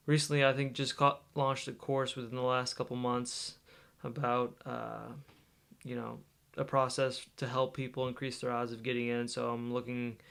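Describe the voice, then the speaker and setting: A young adult man, a vlogger and podcast host, chats casually about his studies and his podcast while losing his voice. His voice is mid-range and gravelly with a clean tone, and he rambles in a relaxed way, using fillers.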